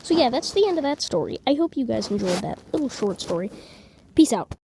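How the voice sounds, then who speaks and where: A woman telling an improvised comic story in a rambling, deadpan way. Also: on the high side, brisk, vocal fry, a little hiss or hum.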